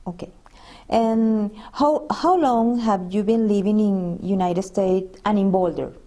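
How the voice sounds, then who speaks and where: Woman from venezuela asking questions in english, spanish first language, soft mellow voice, kinda halting. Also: mid-range voice. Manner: hesitant, halting questions with restarts. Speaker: interviewer. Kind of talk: unscripted interview questions.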